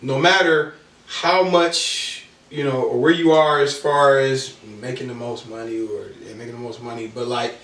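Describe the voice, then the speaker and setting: A man's voice: medium pitch, steady tone, normal speed, a bit bright. A man in his thirties, a podcast guest in casual chat, earnest and repeating himself as he talks. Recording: echoey room, mic at a distance.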